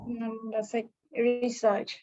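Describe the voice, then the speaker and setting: A woman's voice: a little high, completely flat delivery, dark tone, lo-fi sound, faint music behind. A woman student, reading vocabulary words carefully one by one. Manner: careful, slow word-by-word reading.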